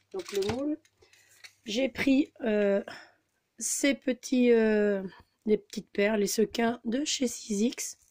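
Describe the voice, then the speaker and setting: A woman's voice: on the high side, a little mellow. A woman, talking casually through a scrapbooking haul, hesitant with many fillers. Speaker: scrapbooking vlogger.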